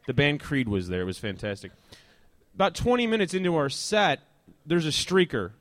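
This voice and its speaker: A male talk show host riffs through a rambling comic monologue in front of a live crowd outdoors. His voice sits high, and the sound is dry and close, with almost no room around it. He jumps between jokes and asides and breaks into the odd shout. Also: big pitch swings, normal speed, no room sound. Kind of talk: live stand-up style monologue to an audience.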